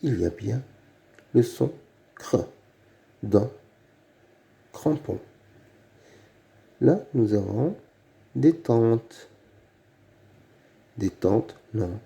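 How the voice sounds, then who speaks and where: Man, phonics lesson for children, very slow, low gravelly voice. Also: dark tone. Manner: says each word slowly, then repeats it; asks the listener questions, patient and clear. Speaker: reading teacher.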